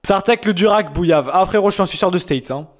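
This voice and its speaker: A man's voice: sits high, quick pace. A young man streaming, reacting to fan-sent rap songs in casual, slangy talk with mocking, exaggerated complaints.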